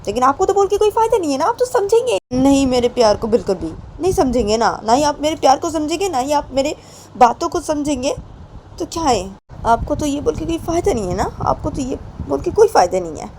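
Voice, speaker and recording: A woman's voice: a little high, brisk, dark tone, a little hiss or hum, pitched above the performer's own voice, natural voice, rough recording. A woman voicing a young woman who pleads emotionally with her partner, repeating herself with rising insistence. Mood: insistent.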